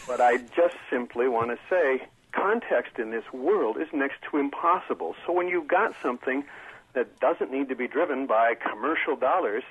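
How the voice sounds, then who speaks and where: A husky-voiced man calling in to a radio show, coming through a thin, tinny phone line. He speaks earnestly and with strong opinions, and he often breaks off to restart his sentences. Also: medium pitch, animated, normal speed, a bit bright. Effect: heard over a phone line on the radio. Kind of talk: call-in comment to a public radio show.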